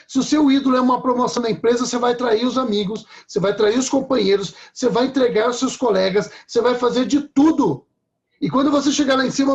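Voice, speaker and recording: A man's voice: very high voice, highs cut off. A man preaching a sermon in a conversational way, often checking in with his listeners.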